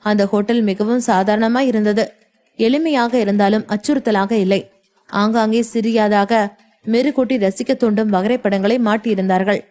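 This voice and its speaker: A woman narrating a novel in a steady storytelling manner. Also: medium pitch, moderate pace. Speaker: audiobook narrator. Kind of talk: scripted narration.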